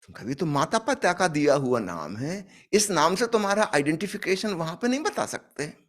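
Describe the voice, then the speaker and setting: A man's voice: on the high side, sing-song, normal speed, fairly bright tone. A man giving a spiritual discourse, telling a parable and acting out its dialogue with emphatic rises. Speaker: spiritual speaker.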